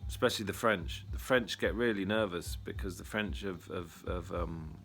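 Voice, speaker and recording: A man's voice: deep voice, normal speed, fairly bright tone, soft background music. A man, a retreat leader telling a story in a casual monologue, blunt, wry and full of swearing.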